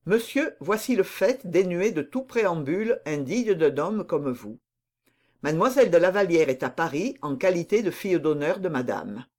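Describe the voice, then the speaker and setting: An anxious young nobleman in love pleads his case in an audiobook scene, as the reader gives him voice. The delivery is earnest and urgent, with a lively, wide-ranging pitch. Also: normal speed, lightly acted. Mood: earnest pleading. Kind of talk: audiobook reading of dialogue.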